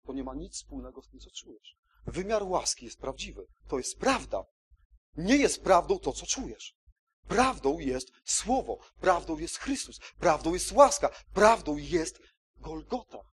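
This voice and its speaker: A man's voice: fairly high pitch, very animated, unhurried, breathy edge. A man preaching a sermon in an emphatic way, repeating key words and often checking in with his listeners.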